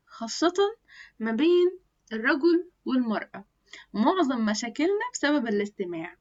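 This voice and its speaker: A woman's voice: sits high, muffled recording. A woman with an Egyptian Arabic accent teaching English in a chatty spoken lesson, modelling English words aloud as she explains.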